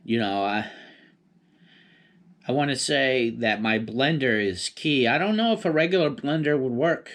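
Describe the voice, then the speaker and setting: A man's voice: mid-range voice, expressive, measured pace, a bit bright. A man chatting casually on his own in a rambling, laid-back stoner manner. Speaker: vlogger. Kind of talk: casual solo rambling chat.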